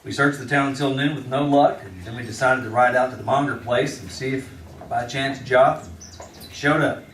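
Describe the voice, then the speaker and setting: Actor as Matt Dillon, firm frontier marshal. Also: male voice, medium pitch, moderate pace, close to an everyday voice. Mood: matter-of-fact. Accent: American. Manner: dry, steady, commanding. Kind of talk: 1950s radio western acting and narration. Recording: noisy, echoey old radio recording, distant.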